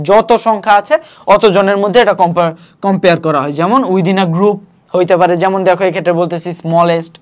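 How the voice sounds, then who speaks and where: বাংলাদেশি উচ্চারণের একজন পুরুষ টিউটর, যিনি ভর্তি পরীক্ষার জন্য ব্যাকরণ পড়ান, বারবার "ঠিক আছে?" জিজ্ঞেস করেন এবং শব্দ ভেঙে ধীরে উচ্চারণ করেন।. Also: male voice, high-pitched. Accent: Bangladeshi Bengali. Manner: explanatory, repeats checking phrases, spells out syllables slowly. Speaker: admission coaching tutor. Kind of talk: online grammar lesson.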